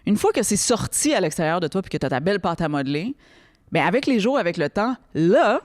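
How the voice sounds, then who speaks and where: A young woman with a Quebec French accent giving a casual, lively talk to teenagers, often checking in with the listener. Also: fairly low pitch, a little fast, no echo, clean studio sound. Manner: lively, chatty, addresses the listener directly with frequent checks. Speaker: workshop host speaking to teens. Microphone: close microphone, podcast recording.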